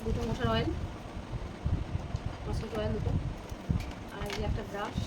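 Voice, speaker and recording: A woman's voice: on the high side, fairly even intonation, normal speed. A woman, chatting to viewers in a casual home vlog as she shows her shopping and cooking. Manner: chatty, addresses viewers as friends while showing things. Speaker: home vlogger. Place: home, kitchen. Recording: loud home background noise.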